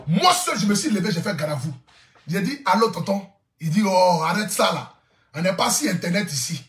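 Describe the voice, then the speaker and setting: A man's voice: high-pitched, sing-song, moderate pace, a bit bright, reverberant. A man telling a story to camera, laughing often and repeating lines for effect. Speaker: social media influencer.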